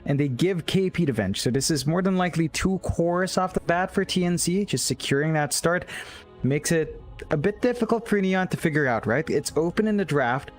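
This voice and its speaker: A man casting an esports match, giving quick analytical draft commentary with stammered restarts. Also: on the high side, animated, soft background music. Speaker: esports caster.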